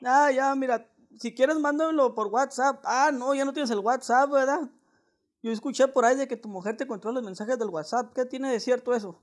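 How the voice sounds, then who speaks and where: A young man with a Mexican accent and a very high voice makes a casual prank phone call at normal speed. His talk is slangy, wheedling and mock-earnest, and he's indoors in a small living room.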